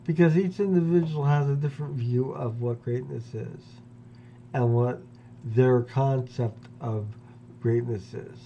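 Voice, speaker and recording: A man in his fifties delivers a personal monologue, pausing often and weighing each phrase. His voice is mellow and dark, and he speaks slowly. The recording is dull and lo-fi, with a faint hum underneath. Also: medium pitch, creaky. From Pennsylvania, US. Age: 50s. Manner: slow, deliberate, with long pauses. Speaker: vlogger.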